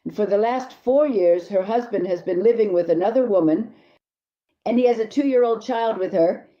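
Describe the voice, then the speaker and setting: A woman's voice: medium pitch, normal speed, lo-fi sound. A woman marriage therapist answering viewer questions, giving blunt, emphatic advice and speaking straight to the listener.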